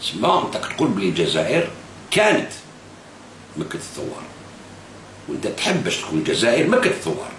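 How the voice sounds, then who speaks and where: A man's voice: medium pitch, wildly swooping pitch, racing, a bit bright. A man with an Algerian Arabic accent, delivering political commentary straight to camera, slipping into French and repeating phrases for emphasis. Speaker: political video blogger. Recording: echoey room with faint hiss.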